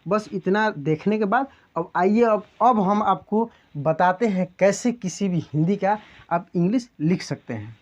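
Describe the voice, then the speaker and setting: A man's voice: high voice, expressive, a little slow, a little mellow. A man teaching a spelling lesson, patiently breaking words into sounds step by step. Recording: dull lo-fi sound.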